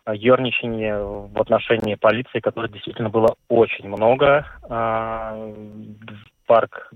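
A man's voice: fairly low pitch, fairly even intonation, moderate pace, no echo. A male radio correspondent giving a live news report by phone, hesitant and full of fillers. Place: city in eastern Latvia. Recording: tinny phone line.

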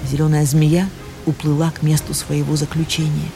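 Woman reading a fairy tale, kinda low voice, faint music under it. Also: moderate pace, gravelly. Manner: expressive storytelling. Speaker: narrator.

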